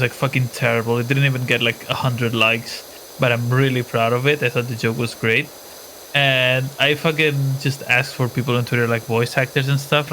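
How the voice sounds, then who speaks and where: A man's voice: mid-range voice, a bit bright, a little hiss or hum, poor audio. A man chatting casually and joking around, swearing now and then. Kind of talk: casual chat.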